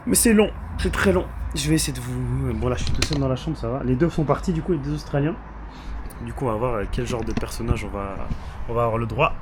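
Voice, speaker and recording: A young man with a hoarse voice, chatting casually in a vlog and laughing often. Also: mid-range voice, fast talker, noisy background. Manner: laughs often, mixes French and English. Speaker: vlogger. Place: small room indoors.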